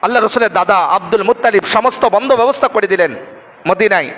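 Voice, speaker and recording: A man's voice: high voice, a bit bright, in a large hall. A man giving a Friday sermon, telling a story dramatically and acting out the characters' words. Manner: dramatic storytelling, acts out quoted speech. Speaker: preacher.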